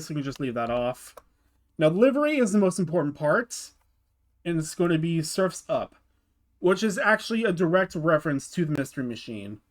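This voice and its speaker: A man hosting his gaming channel narrates a car build in a casual tutorial voice-over, his voice on the high side. He often stops to restart and repeats words.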